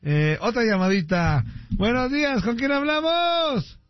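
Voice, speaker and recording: A man's voice: extremely high pitch, unhurried, no room sound. A man hosting a radio show, joking and laughing a lot while taking calls. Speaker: radio host. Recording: dull lo-fi radio audio.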